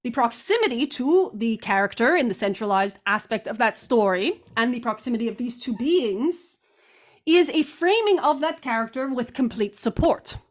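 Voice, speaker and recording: A woman channeling guidance like a seance medium, with formal, deliberate, stilted phrasing. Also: a little high, animated. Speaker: trance channeler giving guidance.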